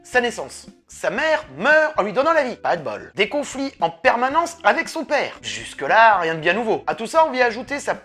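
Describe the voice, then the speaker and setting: A woman's voice: a little high, moderate pace, few pauses, soft background music. Sarcastic woman hosting a comics review. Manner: lively, sarcastic, swears casually. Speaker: host of a comics review channel.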